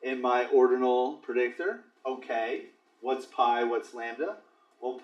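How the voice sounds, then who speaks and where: A male lecturer talks a class through the steps at a middle pitch. The sound is roomy and carries a fair distance from the mic in a lecture hall, with now and then a dry aside. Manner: explains step by step, dry asides. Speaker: statistics lecturer. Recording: echoey classroom recorded from afar.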